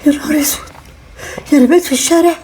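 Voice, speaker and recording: An actress playing an older Egyptian mother who lament in shock and repeats herself, with a husky voice. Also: high voice, racing, warm tone, a little hiss or hum, lightly acted. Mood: panicked. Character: distraught older mother, betrayed and homeless. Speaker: mother evicted by her son. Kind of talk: web drama acting.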